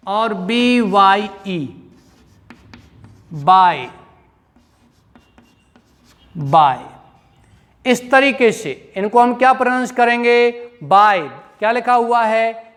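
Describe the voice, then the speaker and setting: A man's voice: high-pitched, fairly bright tone, long reverb tail. A male teacher giving a classroom grammar lesson, spelling out words letter by letter, repeating them and quizzing his pupils.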